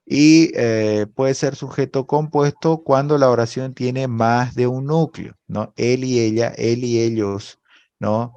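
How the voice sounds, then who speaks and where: A man's voice: mid-range voice, fairly even intonation, slow pace, dark tone, highs cut off. A man teaching a language class over a video call, explaining patiently and often checking in with a questioning "right?". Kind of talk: online class lecture. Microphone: video call microphone.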